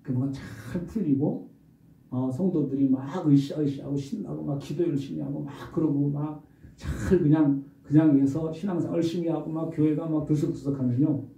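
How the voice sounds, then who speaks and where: Male pastor preaching, warm dark voice, far from the mic in a boomy church, kinda muffled. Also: normal speed, gravelly. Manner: animated storytelling, rhetorical questions. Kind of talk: sermon. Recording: roomy distant dull recording.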